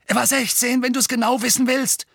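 A man voicing a big, boastful teenage bully who taunts his cousin in a high, loud voice. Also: very animated, takes it slowly, dry recording, clean studio sound, full character voice. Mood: taunting.

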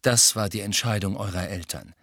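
Male reader as a calm, firm wizard, mid-pitched, bright and dry. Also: moderate pace, no room sound. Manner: calm, direct. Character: calm adult wizard godfather, firm and blunt.

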